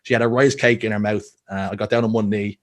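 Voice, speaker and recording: On a relaxed podcast, a young Dubliner tells his personal stories with earnest sincerity, frequently starting over mid-thought. His voice is lowish and steady, and he talks quickly.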